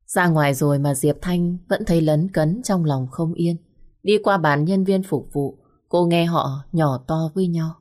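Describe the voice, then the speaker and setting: Female audiobook narrator, slightly low voice, measured and emotive. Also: a little mellow. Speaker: storyteller.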